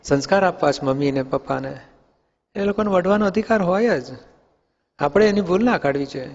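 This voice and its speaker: A man with a high voice speaks fairly quickly as a spiritual teacher in a question-and-answer discourse for youth, patiently questioning the young people and using everyday examples. It was recorded in an echoey hall with dull sound.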